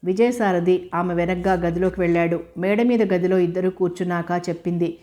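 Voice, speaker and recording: A woman narrating a novel as an audiobook, in calm, even storytelling. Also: fairly low pitch, fairly quick.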